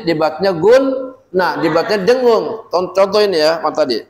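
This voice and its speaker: A man teaching Quran recitation rules to a class of women, patiently quizzing them and chanting the verses slowly. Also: high voice, poor audio.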